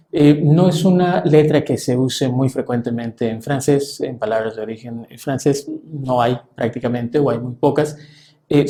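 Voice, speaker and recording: Male language teacher, mellow, halting delivery, roomy echo. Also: medium pitch. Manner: measured, halting with frequent fillers. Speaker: French teacher. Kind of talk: explaining pronunciation to a class.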